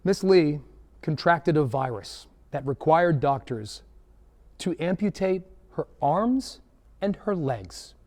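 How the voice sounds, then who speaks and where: A man's voice: on the high side, animated, takes it slowly, a little mellow. A man introducing a news feature in an emphatic, heartfelt way. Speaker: news presenter.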